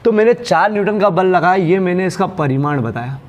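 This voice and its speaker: With lively intonation and a slightly quick pace, this man's high voice carries a classroom physics lecture over faint background noise. He keeps posing questions to his students and then answering them, addresses them as "beta" and "bhaiya," and works with props as he explains.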